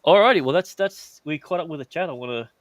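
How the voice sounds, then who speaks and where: A man with an Australian accent hosting a live podcast, reading chat messages aloud and making crude, deadpan jokes. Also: fairly high pitch, quick pace, lo-fi sound, a little hiss or hum. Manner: crude joking, deadpan asides. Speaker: podcast host.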